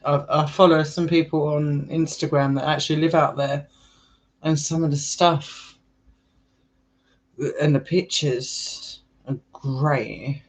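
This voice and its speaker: A young Englishman from England, an urban exploring vlogger, chats casually with his viewers in a rambling way, laughing often. His voice sits a little high, with fairly even intonation and a slow pace, and he has an English accent. The recording quality is low.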